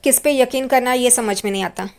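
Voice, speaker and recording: Woman reading as a defensive young wife, worried, accusing, a little high. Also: quick pace, natural voice.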